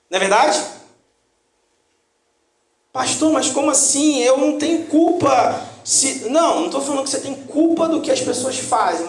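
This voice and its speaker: Animated Brazilian preacher man in echoey hall. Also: very high-pitched. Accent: Brazilian Portuguese. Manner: animated, acts out quoted voices. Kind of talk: conversational sermon. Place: church hall.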